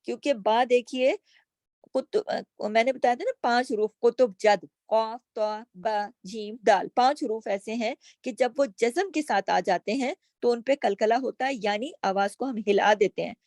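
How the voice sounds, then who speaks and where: Slow, patient woman teaching Quran recitation. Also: on the high side, darkish tone, no room sound, studio quality. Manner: patient, explains each letter and asks rhetorical questions. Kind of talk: slow tajweed lesson with recited words.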